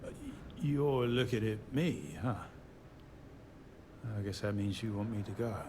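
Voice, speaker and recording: A man's voice: lowish voice, a little slow, a little mellow, a little hiss or hum, close to an everyday voice. Easygoing, reluctant male teammate acted for a game. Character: easygoing, reluctant male ship design team member. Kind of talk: scripted game dialogue.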